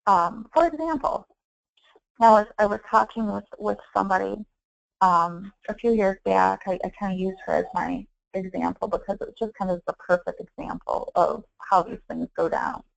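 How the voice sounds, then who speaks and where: A woman's voice: medium pitch, normal speed, creaky, no echo, low-quality recording. A woman who counsels on Medicare, giving a conversational training presentation and acting out her calls with clients. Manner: conversational, acts out client calls with quoted dialogue.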